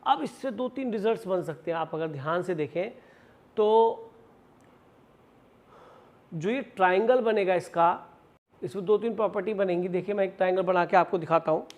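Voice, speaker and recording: A man's voice: high voice, moderate pace, long pauses. A man teaching maths in a classroom lecture, explaining step by step, asking and answering his own questions, and calling students "beta" as he mixes English math terms into his talk with an Indian accent. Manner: addresses students affectionately as "beta"; switches between Hindi and English math terms.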